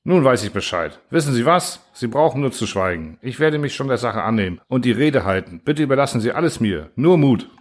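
A man's voice: mid-range voice, animated, a little fast, hardly any pauses, lightly acted. A man reading an audiobook, voicing a huge alien diplomat who asks hasty, impatient questions. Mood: brisk, dismissive. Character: huge alien male diplomat, brisk and condescending. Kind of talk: audiobook character voice.

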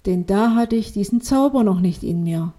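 A woman voicing a gentle fairy mother. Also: mid-range voice, animated, moderate pace, natural voice. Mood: tender. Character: gentle mother reborn as a glowing fairy snail.

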